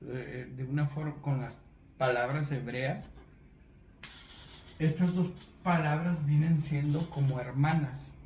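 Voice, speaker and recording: A man gives a Bible lesson in a fairly high voice, taking his time and stopping to check in with his listeners. He spells words out letter by letter as he teaches. The room echoes around him, with a faint hiss underneath. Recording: roomy echo, faint background noise.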